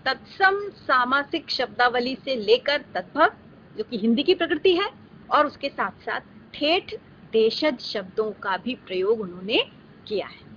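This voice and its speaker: High, bright-voiced woman lecturer. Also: sing-song, measured pace. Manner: patient, calls students "beta". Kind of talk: virtual class lecture with questions. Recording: dull lo-fi recording with faint hiss.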